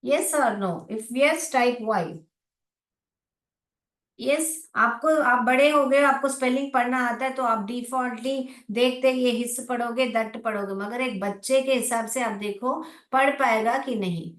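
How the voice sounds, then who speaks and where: Indian woman teacher, slow and echoey. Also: fairly high pitch. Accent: Indian English. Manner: slow, spelled-out sounds with repeated checks of "clear?". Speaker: phonics teacher. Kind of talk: online class lecture.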